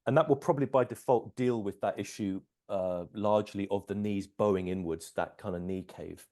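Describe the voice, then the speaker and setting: A man giving casual coaching commentary, explaining in a measured way and checking for agreement. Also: lowish voice, dark tone. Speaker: strength coach, host.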